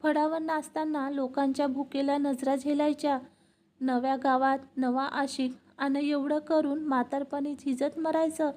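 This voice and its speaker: A woman's voice: high voice, flat delivery, unhurried, a little mellow. A woman voicing a weary, grieving female tamasha dancer who pleads in rural village speech. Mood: bitter.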